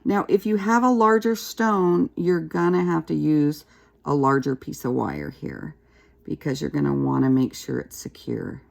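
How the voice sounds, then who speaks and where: Gravelly-voiced woman teaching a craft. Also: low-pitched, unhurried. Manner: chatty, relaxed, talks while working with her hands. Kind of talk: casual craft tutorial.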